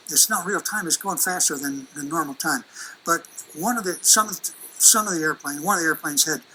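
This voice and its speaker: A man's voice: fairly high pitch, bright, forceful tone, slight background noise, low-quality recording. An older man giving a folksy, conversational lecture as an aerospace engineer, presenting slides and video clips with many restarts.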